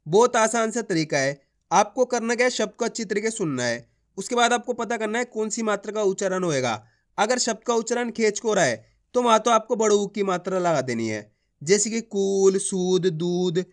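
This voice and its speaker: A man's voice: high voice, very animated. A man teaching a beginners' spelling lesson, drawing out each word and asking and answering his own questions. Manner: drawn-out words, repeats each word to the learner; addresses viewers as friends, asks and answers his own questions. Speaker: Hindi teacher.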